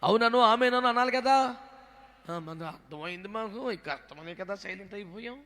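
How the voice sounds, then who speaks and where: A man's voice: sits high, moderate pace, fairly bright tone, big-room sound. A male pastor preaching a fiery sermon with a Telugu accent, calling out to the congregation for praise.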